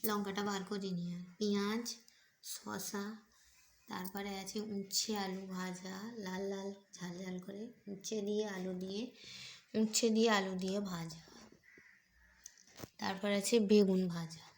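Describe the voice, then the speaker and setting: Hoarse, gravelly woman vlogging softly. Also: mid-range voice, flat delivery, measured pace, long pauses, slight background noise. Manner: soft, quiet delivery. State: hoarse from a cold. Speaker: food vlogger. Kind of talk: casual voice-over vlog.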